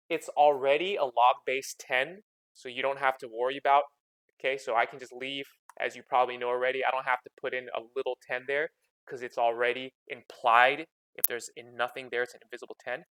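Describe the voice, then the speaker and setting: A man's voice: medium pitch, fairly even intonation, a little fast, a bit bright, smooth, no room sound. A man teaching a math lesson in a casual, chatty way, checking in with "okay?" after nearly every step. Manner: repeats "okay?" constantly, chatty and informal.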